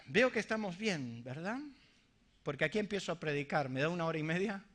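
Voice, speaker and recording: A middle-aged man with a Rioplatense Spanish accent preaching a sermon to a congregation, swinging from shouts to hushed lines. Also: a little high, lively intonation, fairly quick.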